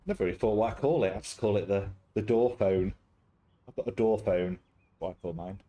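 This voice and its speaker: A man's voice: on the low side, brisk, mellow, slight background noise. A young man casually reading a story game aloud on a stream, chatty and easily sidetracked into jokes. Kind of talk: casual live-stream chat and game narration.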